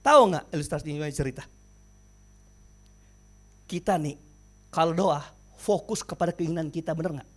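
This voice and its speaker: Animated high-voiced male preacher. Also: moderate pace, pauses often. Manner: animated, dramatic storytelling with sudden drops in volume. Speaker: pastor. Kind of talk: sermon storytelling.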